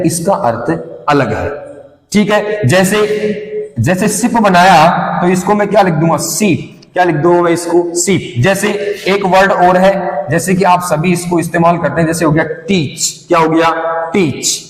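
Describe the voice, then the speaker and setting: Echoey, high-voiced man teaching a lesson. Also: moderate pace. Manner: repeats each term as a question and answer. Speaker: English teacher. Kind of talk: classroom lesson, call-and-response drilling. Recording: echoey hall with long reverb.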